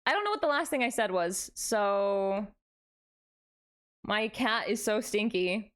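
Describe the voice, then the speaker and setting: A woman's voice: medium pitch, animated, takes it slowly, fairly bright tone, smooth. A woman hosting a casual livestream, chatting playfully back and forth with her viewers. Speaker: variety streamer, VTuber host.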